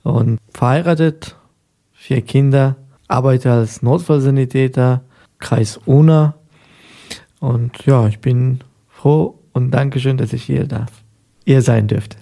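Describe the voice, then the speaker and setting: A man's voice: medium pitch, takes it slowly, vocal fry, dark tone. A man in his thirties from Afghanistan, a guest on a local radio show, telling his story in a hesitant way with many fillers. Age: 30s. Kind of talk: casual interview talk.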